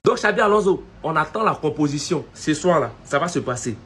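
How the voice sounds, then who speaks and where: A man's voice: a little high, lively intonation, brisk, fairly bright tone, breathy edge. A man ranting to camera as a football fan, brash and taunting, rallying fellow supporters. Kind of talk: casual fan rant to camera.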